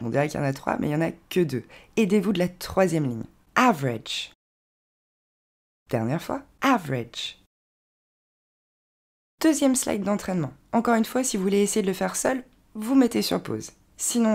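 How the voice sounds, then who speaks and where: Low-voiced woman teaching English pronunciation. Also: mellow. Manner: clear, patient instruction with slow, careful demonstration of English words. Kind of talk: French-language pronunciation lesson.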